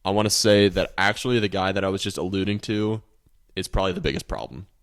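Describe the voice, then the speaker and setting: A young man co-hosting a comedy podcast, hyper and joking, with shouty bursts and laughter. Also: deep voice, quick pace, smooth. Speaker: podcast co-host. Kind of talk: casual comedic chat.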